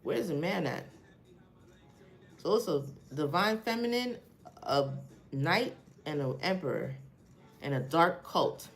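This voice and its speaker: A Haitian woman with a Haitian accent does a casual, profane live tarot reading, asking the cards questions aloud as she thinks things through. Her expressive voice sits low and moves slowly with frequent pauses, on a low-quality recording.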